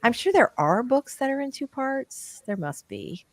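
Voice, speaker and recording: A woman's voice: high-pitched, big pitch swings, unhurried, dry recording. A woman co-hosting a casual live-stream chat, reading viewer comments aloud and talking with many restarts. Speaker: livestream co-host.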